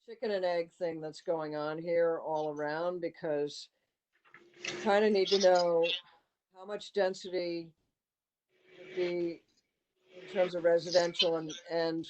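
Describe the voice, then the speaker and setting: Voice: mid-range voice, darkish tone. A committee chair talking through plans at an online town meeting, thinking aloud and leaning heavily on fillers.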